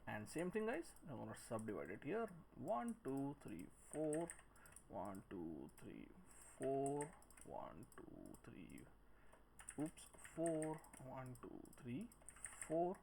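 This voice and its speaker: This tutorial comes from a 3D modelling instructor whose warm, mid-range voice swings hugely in pitch as he moves slowly through each step on screen. Casual in tone, he mutters counts and shortcuts while typing, clicking and clear background noise fill the recording.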